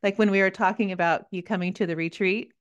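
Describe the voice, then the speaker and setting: A woman's voice: medium pitch, fairly even intonation, quick pace, clean tone. A middle-aged woman hosting a podcast over a video call, gushing and rambling with many fillers as she introduces her guest. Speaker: podcast host. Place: living room at home, indoors. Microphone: large podcast microphone on video call.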